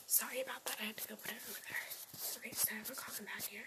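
A woman doing a whispered role-play as a caring best friend giving a facial, in a soft, breathy spa whisper. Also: fairly high pitch, steady tone, very fast. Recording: very noisy recording with clicks.

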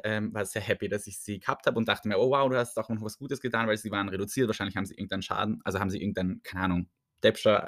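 With an Austrian accent, a man hosts a solo podcast, rambling chattily, poking fun at himself and laughing often. His voice runs on the low side, with no room sound and studio quality.

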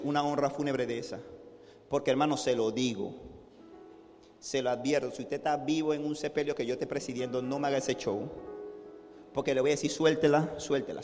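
A man preaches a sermon in a church, spinning stories and slipping into the voices of the people in them before he climbs into loud, fervent calls. His voice sits a little high, and it rings with a long hall reverb. Soft music plays beneath him. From from a city. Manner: storytelling preacher, acts out voices, builds to shouting. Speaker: pastor.

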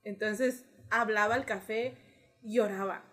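A woman's voice: medium pitch, steady tone, measured pace, fairly bright tone. A young woman with a Mexican accent, chatting casually among coworkers and telling café stories while acting out customers. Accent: Mexican Spanish. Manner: laughing storyteller, acts out customers. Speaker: café worker. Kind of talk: casual group chat.

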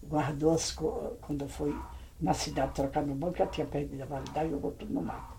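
An older woman with a Brazilian Portuguese accent, a family elder, rambles through vivid old family stories, re-enacting scenes with exclamations. Her deep, steady voice is creaky and mellow, and she speaks fairly quickly. The low-quality recording has slight background noise.

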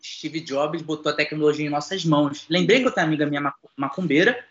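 A man races through a wild anecdote with a bright, forceful edge, swearing freely and acting out the voices of everyone involved. His voice sits in a roomy space and sounds a little dull, with faint noise underneath. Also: on the high side. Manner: fast, excitable, swears, acts out quoted voices. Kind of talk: animated anecdote telling.

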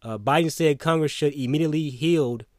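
A man's voice: a little high, fairly quick, darkish tone, no echo, clean studio sound. Blunt, emphatic man giving opinions. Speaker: opinion commentator. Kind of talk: solo opinion monologue.

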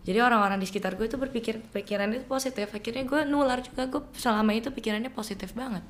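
A woman's voice: a little high, very fast, slight background noise. A young adult woman from East Nusa Tenggara, a singer guest in a casual interview, speaking earnestly and emotionally.

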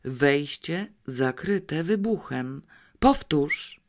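Dying man played by a woman, slow desperate gasps, strained delivery, audiobook scene. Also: low-pitched, expressive. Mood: desperate, gasping. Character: dying man gasping out a coded message. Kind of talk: audiobook reading.

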